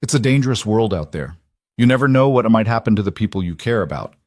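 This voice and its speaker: A man reading a story and voicing a wealthy, menacing man who threatens with calm, false politeness. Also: lowish voice, fast talker, no room sound, studio quality, natural voice. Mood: calm menace. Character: cold menacing rich man, smooth-talking.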